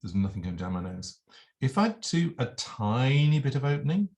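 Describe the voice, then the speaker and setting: A man's voice: mid-range voice, sing-song, moderate pace, darkish tone. Man explaining vocal technique. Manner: explanatory, demonstrates sounds with nose pinch. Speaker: vocal coach. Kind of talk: vocal demonstration lesson.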